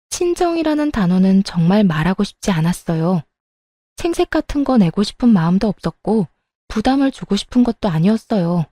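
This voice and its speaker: A woman reads a scripted first-person story in a calm, confiding way. Her tone is mellow and warm, recorded close and dry with no room sound. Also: medium pitch, no room sound. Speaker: story narrator.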